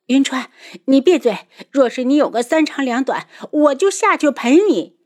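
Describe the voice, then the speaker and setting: A woman voicing a fierce, headstrong young noblewoman in an audiobook, shrill and impassioned. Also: lively intonation, normal speed, darkish tone. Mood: desperate. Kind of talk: audiobook character voice.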